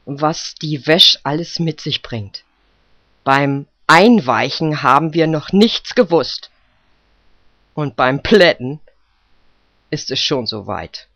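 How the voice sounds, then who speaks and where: Man putting on a shrill scolding old village woman. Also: expressive, takes it slowly, long pauses, bright, forceful tone, no echo, studio quality, full character voice. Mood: amused. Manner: screeching, nagging calls. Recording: slightly muffled lo-fi recording.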